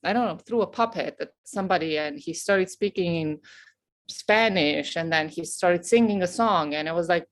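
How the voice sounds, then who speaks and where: A middle-aged woman from Romania tells her story as a guest on an interview show. Her voice sits a little low, and her delivery is boisterous and outgoing. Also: moderate pace. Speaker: guest, professor. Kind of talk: casual interview chat.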